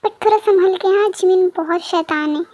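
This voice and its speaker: A woman's voice: very high-pitched, moderate pace, mellow. A woman voicing a concerned middle-aged uncle who explains a favor over the phone.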